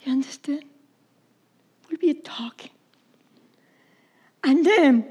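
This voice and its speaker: A woman pastor from Argentina, high-voiced with a dark tone, preaches at a church service. Although her accent is Argentine, her first language is Italian, and her English sermon is halting, repetitive, and at times whispered.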